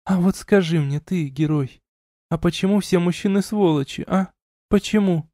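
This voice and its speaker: A man voicing a drunk, tearful young woman mage who sobs and accuses, slurred and shrill. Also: moderate pace, mellow, dry recording, studio quality, lightly acted. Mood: drunk, bitter. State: crying.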